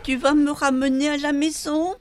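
A man's voice: very high-pitched, little pitch movement, normal speed, pitched above the performer's own voice. A man voicing a frightened little girl lost in the forest, with childlike crying calls. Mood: hopeful.

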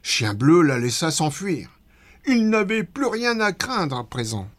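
A man narrating a children's story in an expressive, dramatic way. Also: a little high, unhurried.

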